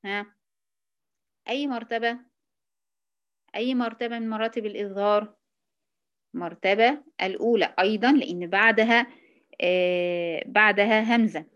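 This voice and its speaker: A woman's voice: medium pitch, moderate pace, long pauses, fairly bright tone, highs cut off. A woman with an Egyptian accent teaching Quran recitation rules, patiently quizzing and praising her students. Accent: Egyptian Arabic. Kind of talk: online tajweed lesson.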